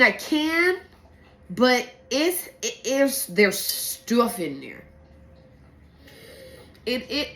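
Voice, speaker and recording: A woman talking casually as a sommelier explaining a tasting, with a playful, slangy, sweary manner. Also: medium pitch. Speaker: sommelier presenting a blind wine tasting. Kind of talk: casual explanatory chat to camera. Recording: roomy echo, faint background noise.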